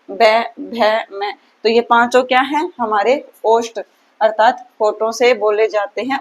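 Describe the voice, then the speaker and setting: Female teacher, higher pitch, drawn-out demonstrated sounds, muffled lo-fi recording. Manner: repeats her own questions and answers them. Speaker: Sanskrit grammar teacher. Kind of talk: exam-prep lesson.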